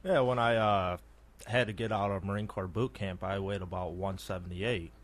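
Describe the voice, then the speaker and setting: A man's voice: deep voice, steady tone, normal speed. A young man who is a guest on a radio show, answering in a laid-back, hesitant way with fillers. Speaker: studio guest. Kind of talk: casual radio interview.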